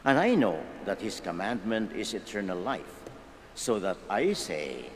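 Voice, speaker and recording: A man serving as priest, reading the gospel and preaching slowly and deliberately, with his voice ringing in a long church reverb. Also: lowish voice, big pitch swings, a little hiss or hum. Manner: slow, deliberate proclamation. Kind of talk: liturgical reading and homily.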